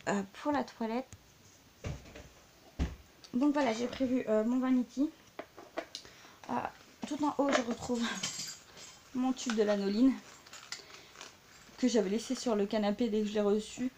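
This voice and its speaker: A woman's voice: a little high, mellow, a little hiss or hum. A young adult woman chatting casually in a show-and-tell vlog, full of fillers and side remarks. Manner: chatty, many fillers and asides. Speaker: vlogger.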